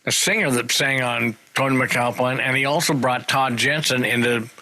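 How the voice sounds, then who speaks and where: An older man in his sixties hosts a podcast and chats casually, wandering through jokey anecdotes and side comments. His voice is bright, with a forceful edge. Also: medium pitch, fairly even intonation, moderate pace, rough recording. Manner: rambling, jokey anecdotes with asides. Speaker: podcast host. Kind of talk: casual interview chat.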